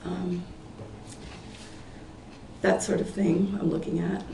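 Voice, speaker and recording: Clearing her throat as she loses her voice, a Portland, Oregon woman in her sixties offers a rambling, self-correcting, filler-heavy account of her plan as an applicant at a public meeting. Her voice is fairly low, level and warm with vocal fry, and she takes it slowly. Recorded from a distance by a table mic in an echoey indoor community meeting room, with faint noise.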